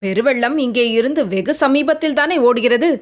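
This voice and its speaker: A woman's voice: a little high, lively intonation, normal speed, close to an everyday voice. A woman reading a tender young prince. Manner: gentle, pleading, questioning. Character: young prince, tender, coaxing, devoted lover. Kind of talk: audiobook character reading.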